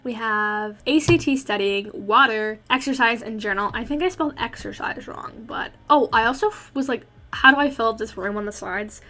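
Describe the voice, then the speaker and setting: A teenage girl with a somewhat high voice talks through a casual vlog voice-over. She sounds out of breath and strings her thoughts together with a steady run of "like" fillers. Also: normal speed, few pauses. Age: teens. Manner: chatty, constant "like" fillers. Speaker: vlogger.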